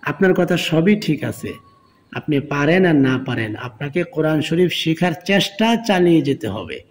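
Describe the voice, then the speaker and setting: A man with a slightly higher-than-usual voice and a Bangladeshi Bengali accent leads a recorded reading lesson. He drills syllables slowly and spells out each rule again and again with patient care. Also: very animated. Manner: slow, drawn-out syllable drills alternating with plain explanation; patient, repetitive instruction. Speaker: Quran reading teacher.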